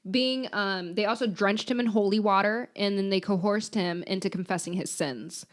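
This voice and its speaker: A woman's voice: medium pitch, moderate pace. Giggly young woman telling a true crime tale. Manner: giggly, laughs often between lines. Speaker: podcast co-host. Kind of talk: casual chat, telling a true crime story.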